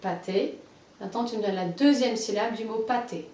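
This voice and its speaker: A woman guiding a child through a phonology lesson, giving clearly pronounced words one at a time and encouraging replies. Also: fairly high pitch, a little mellow, far from the mic. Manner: slow, carefully articulated, encouraging. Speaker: teacher of a phonology exercise. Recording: dull, roomy, off-mic sound.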